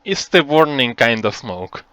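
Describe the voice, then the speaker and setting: Slow, bright-voiced man running a tabletop game. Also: medium pitch, big pitch swings, smooth, dry recording. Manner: slow, casual scene description. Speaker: game master.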